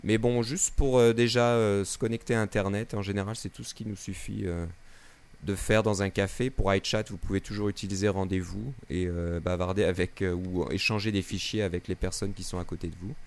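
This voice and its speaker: A man co-hosting a casual technical discussion, with a hoarse, broken voice that cracks, explaining things haltingly. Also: fairly low pitch, level tone. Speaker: podcast co-host.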